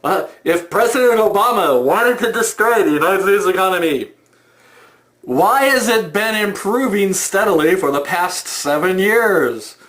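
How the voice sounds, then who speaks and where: Higher voiced guy, slow and sarcastic, kinda mocking. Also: expressive, fairly bright tone. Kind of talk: opinion commentary.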